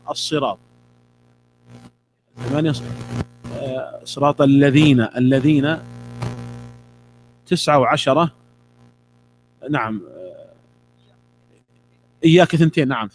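Leading a class through a religious text, a middle-aged man pauses for student responses and repeats the key words. He speaks at a medium pitch, with slight background noise.

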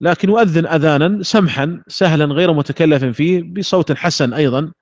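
Man teaching a measured religious lesson. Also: on the high side. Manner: measured, explanatory, demonstrates recitation examples. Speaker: Islamic jurisprudence teacher.

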